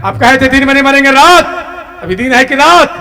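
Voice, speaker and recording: A preacher voicing a wrathful lion-god. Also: male voice, very high-pitched, brisk, sharp tone, long reverb tail, voice pushed up, full character voice. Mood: furious. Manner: thundering, taunting questions. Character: furious lion-man god taunting a demon king.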